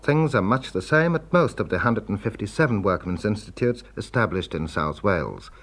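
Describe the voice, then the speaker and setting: A man's voice: lowish voice, animated, normal speed, fairly bright tone. A man reporting in scripted documentary narration, in carefully written sentences. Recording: faint background noise, archive recording.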